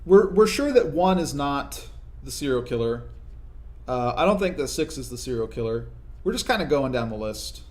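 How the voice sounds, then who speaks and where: A young man talks through a strategy game as he plays, explaining each move in a relaxed, conversational way. His voice sits at an ordinary middle pitch, and he keeps checking in with the listener as he reasons out loud. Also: normal speed. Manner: conversational, explanatory, frequent "right?" tag questions. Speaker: gaming video commentator. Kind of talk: casual gameplay commentary.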